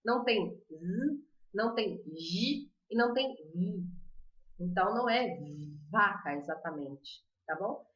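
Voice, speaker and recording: In a casual live stream, a woman with a Brazilian Portuguese accent teaches Spanish pronunciation, chatting, laughing often, and reading viewer comments aloud. Her mid-range voice is expressive and unhurried, and the audio sounds roomy and a bit dull.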